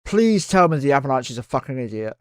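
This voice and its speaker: A man's voice: medium pitch, very animated, fast talker, dry recording, clean studio sound. A man giving casual live commentary on a game stream, thinking aloud and swearing freely.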